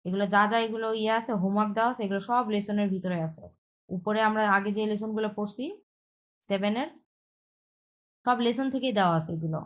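A woman, a Bengali speaker, teaches an online Chinese lesson, explaining step by step and often checking with a quick "yes". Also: mid-range voice. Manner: explains step by step, repeats herself, checks with "হ্যাঁ".

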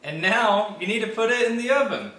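A man's voice: high-pitched, expressive, a little fast. Hammy young man in an echoey kitchen. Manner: hammy, over-the-top. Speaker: comedy cooking show co-host. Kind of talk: goofy sketch comedy. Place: home kitchen. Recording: echoey kitchen, camera at a distance, faint hiss.

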